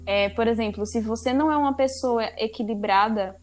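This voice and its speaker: A woman chatting casually, reacting quickly and speaking emphatically. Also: fairly high pitch, darkish tone, faint music behind. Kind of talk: casual chat.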